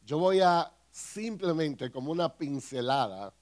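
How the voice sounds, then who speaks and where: A man, a pastor and counselor, praying earnestly and then teaching a conference workshop in a measured way. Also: a little high, lively intonation, darkish tone, dry recording.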